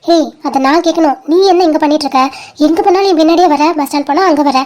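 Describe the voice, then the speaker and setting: A woman's voice: sits high, fast, a little mellow, natural voice. A woman voicing a fiery, quarrelsome young college girl in an amateur cartoon, scolding and threatening shrilly. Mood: angry. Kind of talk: amateur animated cartoon dub.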